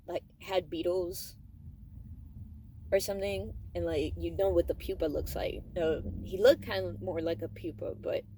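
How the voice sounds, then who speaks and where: A young adult woman vlogs about something from her own life, rambling casually and fondly. Her pitch is fairly low, and she adds animated emphasis and asides that trail off.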